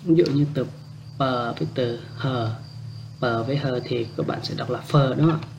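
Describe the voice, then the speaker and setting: A man giving a casual spoken language lesson, repeating example words slowly and adding chatty, joking asides. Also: mid-range voice, vocal fry, dull audio, background noise. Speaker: language teacher.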